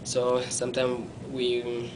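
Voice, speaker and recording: A young adult man from Congo tells his personal story during an interview, filmed in a small indoor room by a camera a few feet away. He speaks haltingly, with non-native phrasing, frequent restarts and self-corrections, and a level pitch, gesturing with his hands as he talks. A steady rumble sits beneath the recording.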